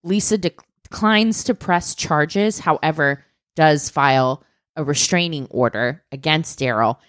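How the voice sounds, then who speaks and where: A woman's voice: low voice, unhurried, no room sound, studio quality. A woman co-hosting a casual podcast, telling a true crime story with lots of "like" and the odd swear word. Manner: animated, swearing, fillers like "like".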